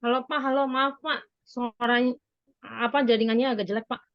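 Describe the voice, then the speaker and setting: A woman's voice: on the high side, steady tone, no echo. A young woman student on a video call whose audio keeps glitching and breaking up, speaking apologetically and in a hurry. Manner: apologetic, hurried. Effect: choppy, breaking-up call audio. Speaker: student presenting thesis. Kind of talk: online thesis consultation. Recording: dull lo-fi call line.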